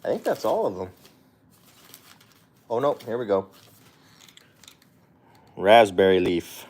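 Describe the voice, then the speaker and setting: A man's voice: lowish voice, sing-song, slow pace, a little mellow. A man casually chatting on a livestream while feeding his guinea pigs, rambling and correcting himself with small chuckles. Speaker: pet vlogger.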